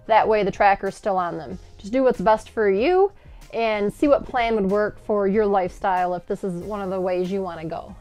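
A woman in her forties giving casual, animated tips in a home-made vlog, seated at a table inside an RV and filmed from a short distance. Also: mid-range voice, moderate pace, faint music behind. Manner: chatty and animated, gesturing while explaining. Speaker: RV lifestyle vlogger.

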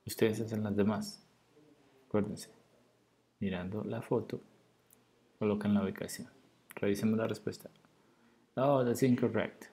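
A man gives a recorded grammar lesson for beginners. His voice is low and dark, unhurried and patient. He slows to model English words, then explains them in Spanish. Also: gravelly. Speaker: English teacher.

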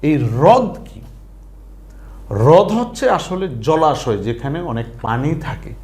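A man teaching a language lesson online, repeating sounds slowly and asking his students questions as he goes. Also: fairly high pitch, sing-song, a little mellow.

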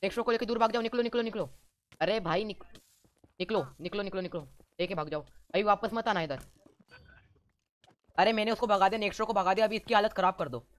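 A man giving excited let's-play commentary as a gaming YouTuber, teasing and ordering his teammates around. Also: high voice, fast, long pauses.

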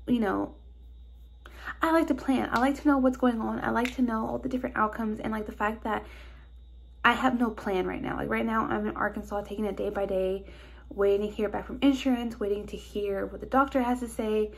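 Young woman vlogging on her phone, all stuffed up and nasal, kinda breathy, nervous and rambly. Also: fairly high pitch, fairly even intonation, brisk. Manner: anxious, rambling with many "like"s. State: stuffed-up nose. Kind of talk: casual personal vlog. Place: car and hospital hallways, on the move.

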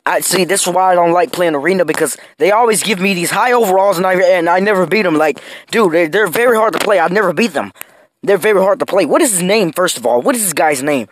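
A man giving casual commentary over his own video game match, excitable and quick to yell in frustration, saying "bro" constantly. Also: high-pitched.

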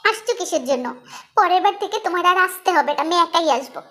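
A woman playing an indignant young wife, reproachful, sharp, high and bright, fan voice drama. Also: animated, fast, a little hiss or hum. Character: indignant young wife defending her poor family.

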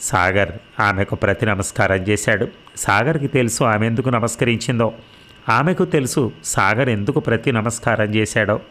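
A man narrating a novel as an audiobook, in a steady, even storytelling manner. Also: lowish voice.

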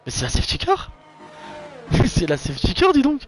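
A young man giving casual, excitable live commentary on an online racing league, chatting to his viewers in a slangy, informal way. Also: very high voice, moderate pace, faint music behind. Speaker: race commentator and streamer.

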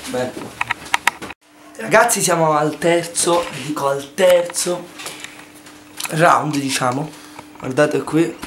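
A man's voice: fairly high pitch, slow, long pauses. A young man chatting casually and playfully to viewers as he hosts a challenge vlog. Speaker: challenge host. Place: home kitchen. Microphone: camera microphone across the room. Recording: roomy, distant camera mic, loud background noise.

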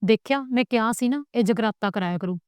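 A grumbling, doting old grandmother, as a woman reads her lines, scolding and tender by turns. The voice stays smooth and clear and is recorded dry and close. It is a storybook reading with soft muttered asides. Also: on the high side, fairly quick, no echo, close to an everyday voice. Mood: fussing, scolding.

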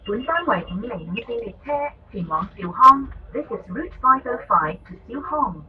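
Woman's train loudspeaker announcement, echoey. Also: on the high side, big pitch swings. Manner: measured, evenly paced, formal. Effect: onboard train loudspeaker announcement. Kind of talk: recorded transit announcement. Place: inside a light rail train. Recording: distant echoey lo-fi loudspeaker in a noisy train car. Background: train running noise.

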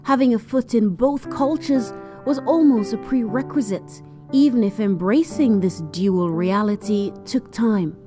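A woman narrating a documentary in a calm, scripted way. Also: a little high, measured pace, soft background music.

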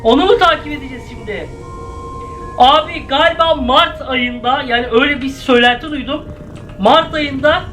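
A man giving excitable gameplay commentary, often breaking into shouted exclamations. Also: very high-pitched, a little hiss or hum. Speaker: gaming YouTuber.

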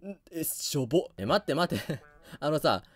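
A man giving let's play commentary on a video game, reacting loudly and laughing often. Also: fairly high pitch, big pitch swings, normal speed, dry recording. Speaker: gaming YouTuber.

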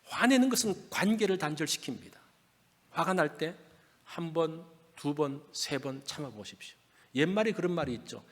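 A man's voice: a little high, animated, normal speed. Pastor guy in a church sanctuary, big echoey hall, talks to the congregation like a chat. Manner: conversational preaching, asks the congregation questions. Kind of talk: sermon. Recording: long reverb of a church hall.

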